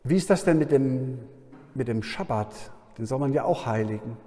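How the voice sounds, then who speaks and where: A man's voice: medium pitch, lively intonation, moderate pace, dark tone. A man preaching a sermon at a Bible conference, often checking in with his audience with a questioning "ja?". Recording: hall with long reverb.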